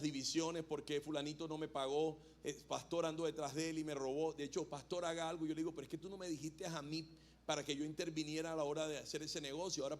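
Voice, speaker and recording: Higher-pitched male pastor preaching. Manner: conversational, jokes with the congregation. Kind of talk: sermon. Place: church hall.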